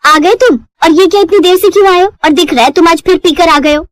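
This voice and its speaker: A fierce village wife, put on by a woman, scolds in a high, sharp voice. Her nagging comes fast and loud, with a temper always close to boiling. The cartoon-story sound is dry and close. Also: sing-song, no room sound. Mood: scolding.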